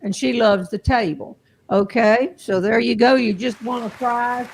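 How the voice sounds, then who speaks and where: A woman's voice: on the high side, fairly even intonation, unhurried, creaky, slightly rough. An older woman with a Southern US accent hosting a show, chatting casually and amused by herself. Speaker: host. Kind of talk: casual chat.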